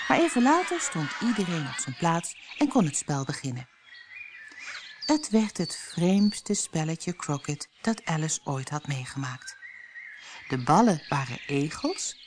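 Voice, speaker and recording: A woman's voice: fairly low pitch, a little hiss or hum. A woman reading a fairy tale aloud as an audiobook, telling it expressively. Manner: expressive storytelling. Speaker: audiobook reader.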